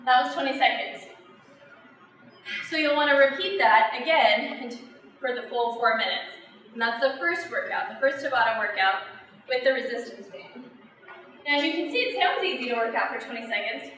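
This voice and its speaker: A woman's voice: fairly high pitch, moderate pace, pushed and bright. A woman fitness instructor talking through and demonstrating workout exercises, recorded by a camera at a distance. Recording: echoey room from far off, noisy.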